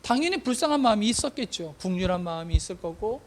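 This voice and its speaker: A man's voice: high-pitched, expressive, quick pace, a little hiss or hum. A male pastor preaching a sermon, addressing the congregation with questions and repeating phrases for emphasis.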